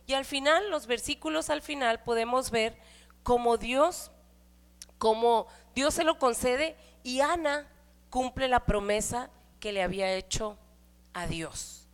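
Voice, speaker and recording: A woman's voice: a little high, vocal fry. A middle-aged woman with a Mexican Spanish accent, giving a conversational sermon in church with frequent rhetorical questions. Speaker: church speaker. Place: church hall. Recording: hall reverb.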